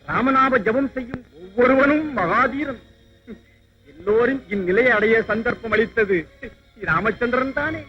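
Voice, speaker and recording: A wandering divine sage with a very high, light voice, sly and teasing, who chants the god's name between his remarks. It sounds like a dull, lo-fi old film soundtrack with music underneath. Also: normal speed. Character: wandering divine sage, wry meddling messenger. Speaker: film character. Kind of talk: dubbed mythological film acting.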